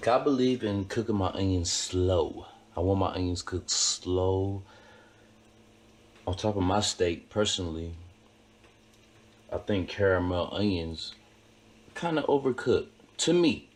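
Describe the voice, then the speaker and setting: A home cook vlogger with a low voice speaks a little slowly, leaving long pauses, as he casually shows how he cooks a steak in his home kitchen. He is emphatic and repeats his points over the sound of a sizzling pan on the stove.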